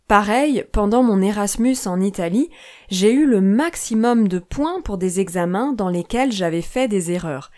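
A young French woman hosting a podcast for language learners, speaking in slow, clear, scripted narration. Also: mid-range voice, expressive, darkish tone. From France. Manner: slow, clear, careful delivery. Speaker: podcast host, French teacher.

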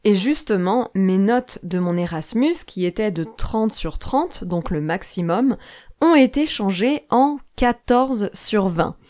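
Slow, careful French woman podcaster. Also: mid-range voice, lively intonation, darkish tone. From France. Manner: slow, clear, careful delivery. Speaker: podcast host, French teacher. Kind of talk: scripted podcast narration for language learners.

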